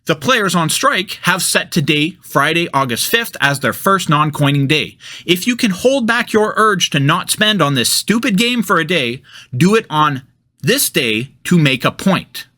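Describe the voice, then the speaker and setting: A man's voice: on the high side, expressive, unhurried, bright, forceful tone, dry recording. A man delivering an exasperated, sarcastic, escalating comedic rant as scripted commentary for gaming content. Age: adult, parent of a toddler.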